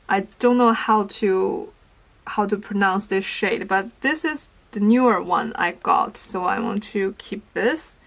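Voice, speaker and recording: Young woman vlogger, slow and unhurried, casual declutter chat with fillers. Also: mid-range voice, creaky, rough recording. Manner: unhurried, thinking aloud with fillers. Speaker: beauty vlogger. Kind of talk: casual makeup declutter vlog.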